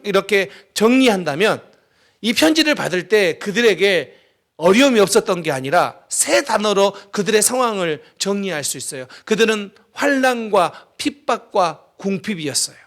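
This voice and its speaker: A middle-aged man preaching a sermon as pastor, telling stories with dramatic pauses and emphasis. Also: high-pitched, animated, fairly bright tone.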